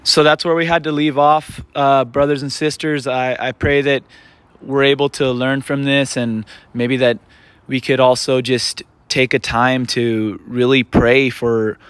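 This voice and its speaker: A man's voice: medium pitch, level tone, measured pace, a bit bright, clean tone. A man narrating a reflective, earnest voice-over about a preaching encounter. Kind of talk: voice-over commentary.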